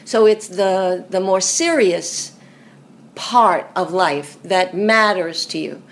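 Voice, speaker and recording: A woman's voice: on the low side, takes it slowly. A woman hosting a podcast interview, summarizing her guest's story and checking she has it right. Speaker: podcast host.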